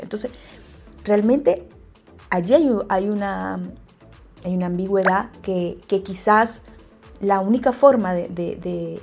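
A woman explains spelling rules to her audience in a soft, mellow voice. She talks to them directly, often stopping on fillers and restarting her phrases. Faint music plays behind her. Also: mid-range voice. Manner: hesitant, many fillers and restarts; addresses listeners directly. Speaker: teacher.

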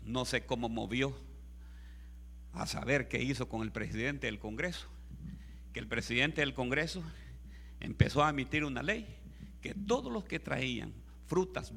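A man's voice: mid-range voice, lively intonation, normal speed, vocal fry, fairly bright tone. A man preaching a sermon through a story, emphatic and repetitive, often calling his listeners brother and having them repeat phrases after him. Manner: leads the congregation in repeating phrases.

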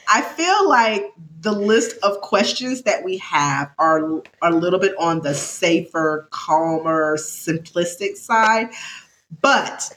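Animated, laughing woman podcast host. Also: on the low side, slow pace, a little hiss or hum. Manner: laughs a lot, animated and teasing. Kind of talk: casual podcast chat.

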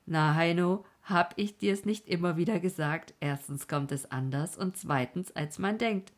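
A woman's voice: fairly low pitch, unhurried. A woman voicing a genial middle-aged doctor who dryly mocks and lectures his young nephew. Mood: wry. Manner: dry, mocking, lecturing.

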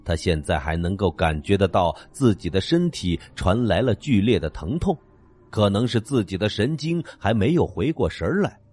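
Husky male horror storyteller. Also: on the low side, very animated, moderate pace, darkish tone. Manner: dramatic, swinging intonation.

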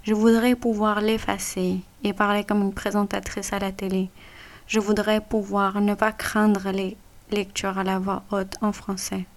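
A Pakistani woman, whose first language is Punjabi, reads a personal essay aloud in measured, deliberate phrases with a Pakistani accent. Her medium-pitched voice shows little pitch movement.

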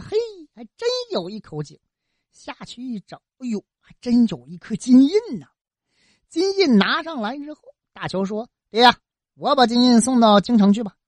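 A woman telling a folk tale in a colloquial, lively way, full of interjections and sound effects. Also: medium pitch, no room sound. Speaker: storyteller.

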